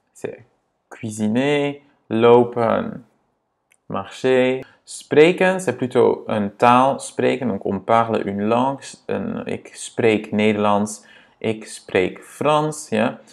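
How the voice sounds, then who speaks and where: A man teaching grammar to beginners, patient and repetitive, checking in often with a quick "ok?". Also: on the low side, gravelly. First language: Dutch. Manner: patient, repeats words and checks in with "ok?". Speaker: language teacher.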